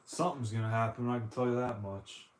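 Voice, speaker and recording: A man from the United States, mid-range voice and quick pace, rambles and jokes in a casual live-stream chat while cleaning consoles, saying "dude" a lot. The room is echoey.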